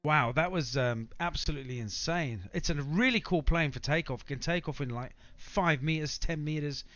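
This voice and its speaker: A little high and a bit bright at normal speed, with no room sound, the man chats casually while streaming a flight simulator and treats viewers like mates. Faint background noise and slightly dull sound remain.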